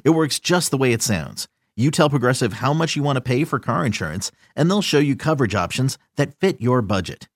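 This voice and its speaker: A man reading a scripted podcast advertisement as an announcer, with a husky voice. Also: medium pitch, lively intonation, fairly quick, few pauses, no echo, studio quality.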